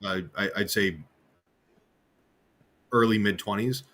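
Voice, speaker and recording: Low-voiced stammering hypnotist spinning anecdotes. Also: male voice, slow pace. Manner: animated anecdote teller, stammering restarts. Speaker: stage hypnotist co-host. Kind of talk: casual storytelling chat. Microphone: online video call.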